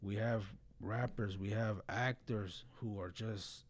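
A man with a lowish voice talks about religion at a slow, steady pace. He's blunt and earnest but casual, sprinkling in slang and filler like "bro" and "you know" again and again.

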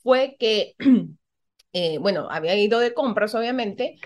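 A woman hosting a casual chat, bubbly and teasing, laughing quickly. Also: medium pitch, animated. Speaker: podcast host.

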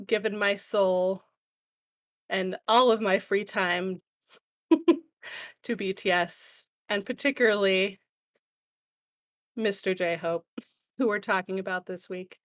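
A woman's voice: mid-range voice, fairly even intonation, takes it slowly, pauses often. A woman hosting a casual podcast chat, an enthusiastic, giggly fan who sounds slightly out of breath after being ill. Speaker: podcast host.

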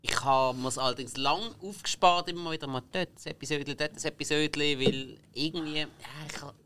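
A young man with a Swiss German accent speaks in hesitant, stop-start casual chat. His voice is bright and tense, and a little high for a man. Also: fairly even intonation, fairly quick, smooth. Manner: hesitant, stammers and restarts. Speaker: podcast co-host.

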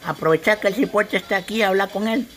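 A woman plays a loving old grandmother with a Salvadoran accent, doting on and fussing over her grandson and husband and calling everyone son and dear. Her mid-range voice moves at a quick pace, close to an everyday voice, with faint music behind.

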